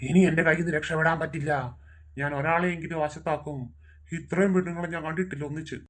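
A woman voicing a menacing male graveyard demon who snatches women, in a home-made family skit, talking slowly with gloating laughs. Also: sits low, fairly even intonation, voice pushed down. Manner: gloating, slow and mocking with laughs.

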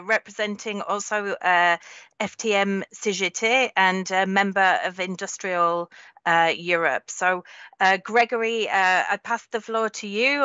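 A woman moderates an online panel with a bright, crisp voice, pausing often with fillers. The sound is dry and a little dull, as on a video call. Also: medium pitch, no echo. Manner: hesitant, filler-laden. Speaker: panel moderator, trade unionist.

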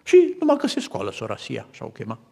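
Man, preacher, husky voice, long church reverb, sermon storytelling. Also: mid-range voice, huge pitch swings, a little mellow. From Romania. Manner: storytelling with acted quotes, building to fervent appeals. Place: large church hall.

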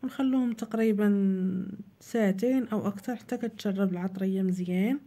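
A woman's voice: medium pitch, fairly quick, mellow. A woman with a Moroccan Arabic accent, hosting her cooking channel and explaining a recipe step by step to viewers. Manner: plain, instructive, addresses viewers directly. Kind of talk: cooking tutorial voice-over.

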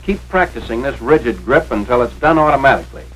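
Soft music plays behind a fast, fairly bright, medium-pitched American male voice with lively intonation. He narrates a scripted 1940s instructional film with authority and careful enunciation, as if teaching step by step. The recording is a noisy, radio-like 1940s film soundtrack.

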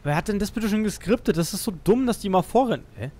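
German streamer guy commentating, animated voice, grumbles at his companion, slight hiss. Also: sits high, fast. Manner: grumbling and mocking, swears at companion. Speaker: let's play streamer. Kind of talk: casual game commentary.

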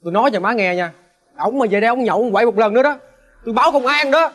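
A resentful young son with a Southern Vietnamese accent, blunt and defiant in a TV crime drama. He talks fast in a fairly high voice. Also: a bit bright. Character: young adult son, angry and defiant toward his father.

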